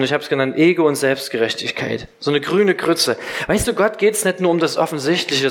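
A middle-aged male pastor delivering a sermon to a congregation in a church. His voice sits high for a man. He talks straight at his listeners and mixes teaching with everyday stories from home. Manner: lively storytelling preacher, direct address.

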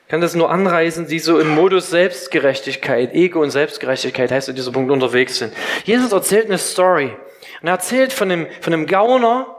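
A middle-aged man preaching a sermon to a congregation in a church, speaking directly to listeners and telling stories about his children. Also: high-pitched. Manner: lively storytelling preacher, direct address. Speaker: pastor.

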